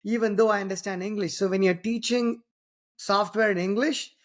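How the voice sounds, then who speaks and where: With a high voice, steady tone, and moderate pace, a man from Tamil Nadu hosts a casual podcast interview. He speaks with an Indian accent as a native Tamil speaker, and his long, meandering sentences are full of restarts, "you know", and "right?".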